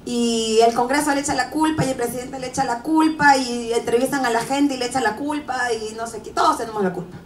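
A woman's voice: fairly high pitch, steady tone, brisk, few pauses. A woman in her thirties gives a conversational motivational talk to university students, full of rhetorical questions and jokes. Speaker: motivational speaker. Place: large hall or auditorium. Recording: echoey hall, mic far off.

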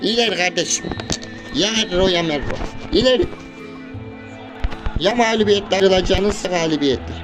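Brief: male gaming YouTuber, high voice, rowdy reactive play-by-play, frustrated outbursts. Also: moderate pace, long pauses, over music. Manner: excitable, shouts at players, frustrated outbursts. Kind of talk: live reactive gameplay commentary.

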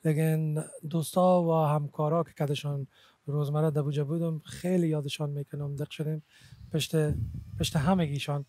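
A man's voice: on the high side, little pitch movement, a little mellow, dry recording. A man with an Afghan Dari accent, a singer and TV guest, talking in a hesitant way with many fillers. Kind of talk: casual TV chat. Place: TV studio.

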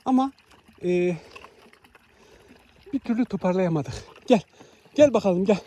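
A man's voice: sits high, animated, measured pace, dark tone, a little hiss or hum. A man, feeding animals outdoors and talking to them and to his viewers in a casual, coaxing vlog. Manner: coaxing, repeatedly calling animals with a lilting voice. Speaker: animal feeder and vlogger.

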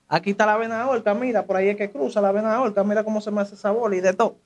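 A young man with a Dominican accent talks through his past in casual street slang. His voice sits high, and he jumps into the voices of people in the story as he tells it. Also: racing, dull audio. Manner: animated street slang, acts out quoted voices. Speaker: interviewee telling his life story. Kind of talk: casual testimony.

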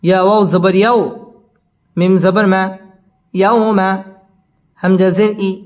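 A man teaching Quran recitation, spelling out letters and chanting verses slowly with tajweed. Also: high voice, little pitch movement, a little mellow.

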